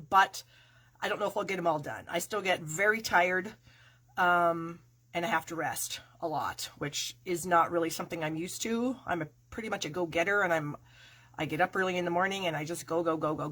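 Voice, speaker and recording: Middle-aged lady with a stuffy cold voice, kinda low and breathy, rambling on casual to her viewers. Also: brisk, a bit bright. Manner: chatty and rambling, with many fillers. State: nasal from a cold, coughing. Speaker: stamping demonstrator hosting a live craft video.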